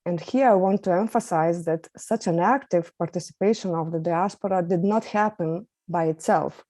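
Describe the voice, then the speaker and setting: A journalist from Lithuania, giving an earnest, formal webinar presentation over a video call. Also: female voice, lowish voice, moderate pace, mellow, no room sound. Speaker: journalist, invited speaker.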